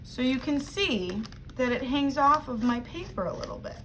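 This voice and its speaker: A woman's voice: high-pitched, lively intonation, normal speed, a bit bright, low-quality recording. A woman teaching young children a craft step by step, speaking to them directly in simple instructions. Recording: clear background noise.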